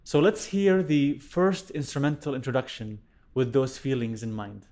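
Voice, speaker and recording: A young man born in Iraq, a violinist teaching a music lesson to camera in a clear, explanatory way, recorded on a studio microphone indoors. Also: mid-range voice, steady tone, moderate pace, warm tone. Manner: clear, explanatory, chants rhythm syllables in time. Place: indoor studio room with plant. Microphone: studio condenser mic on stand.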